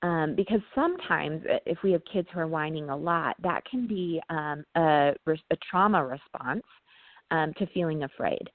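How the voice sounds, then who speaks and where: A woman guest speaking as a parenting trainer, explaining casually, often pausing on "um" and checking in with "right?". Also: sits low, lively intonation, no room sound. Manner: talks through ideas with frequent "um" and tag "right?". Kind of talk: casual explanatory interview talk. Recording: tinny phone-like line, dry.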